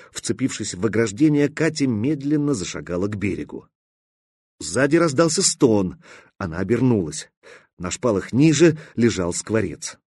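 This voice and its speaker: Husky male audiobook narrator, dry sound. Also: medium pitch, dark tone, no room sound. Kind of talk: scripted narration.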